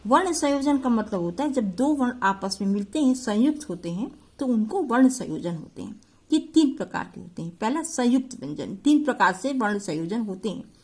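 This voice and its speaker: A woman's voice: a little high, lively intonation, moderate pace, slightly rough. A woman teacher explaining a school grammar lesson step by step to her pupils.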